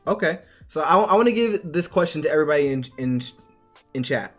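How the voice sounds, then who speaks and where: A man's voice: fairly high pitch, expressive, fast, a bit bright, faint music behind. A young man co-hosting a podcast, talking casually and playfully, laughing often. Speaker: podcast co-host. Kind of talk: casual chat on a live stream.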